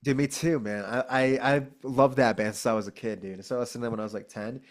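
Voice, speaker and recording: A man's voice: medium pitch, fairly even intonation, fast talker. Laid-back man coaching a singing lesson. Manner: laid-back, encouraging, peppers speech with "dude" and "man". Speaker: vocal coach. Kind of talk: casual one-on-one singing lesson.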